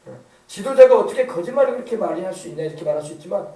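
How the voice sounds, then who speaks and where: A man's voice: high-pitched, expressive, rapid-fire, warm tone. A middle-aged man preaching a sermon as pastor, with rhetorical questions and emphatic repetition. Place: church sanctuary. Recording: echoey church hall, distant mic.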